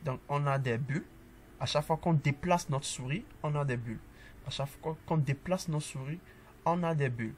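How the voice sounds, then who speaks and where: Relaxed man walking through code. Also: on the high side, normal speed, a little hiss or hum. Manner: relaxed, talks through each step as he types; upbeat asides to the viewer. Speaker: coding tutorial instructor. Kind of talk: casual screen-share coding tutorial.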